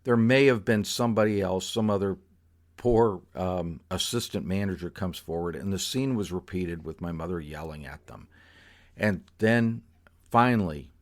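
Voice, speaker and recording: Deep-voiced older man telling a story. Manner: unhurried, conversational storytelling. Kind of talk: personal storytelling podcast.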